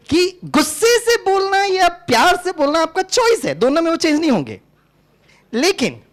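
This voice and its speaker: A middle-aged man from Tamil Nadu, an engineering teacher giving a lively motivational talk to a live audience, switching between Hindi and English and acting out dialogues. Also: very high voice. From Tamil Nadu, India. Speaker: engineering teacher and spiritual speaker.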